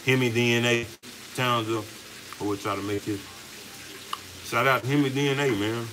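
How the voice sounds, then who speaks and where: A man co-hosting a home cooking vlog, telling a story in an animated, laughing way with casual slang. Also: medium pitch, normal speed, noisy background. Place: home kitchen with frying food.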